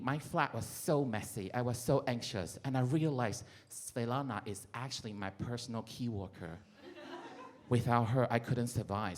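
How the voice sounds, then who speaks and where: In a mid-range voice, a middle-aged comedian from Taiwan with a Taiwanese accent plays around on stage during a stand-up set, erupting into laughter and shouting.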